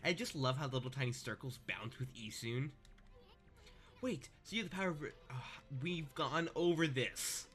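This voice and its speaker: In a mid-range, slightly bright voice at normal speed, the young let's-play gamer offers sarcastic, offhand commentary on his game. Faint game music sits underneath while he breaks into jokes and wanders off mid-thought.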